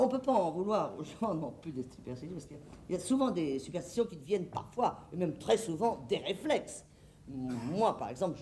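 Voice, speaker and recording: A stage actress with a somewhat low, slightly mellow voice, close to an everyday voice, plays a flustered, fussy middle-aged hostess in a comedy monologue. She rambles theatrically to the audience, and there's a little hiss or hum in the recording.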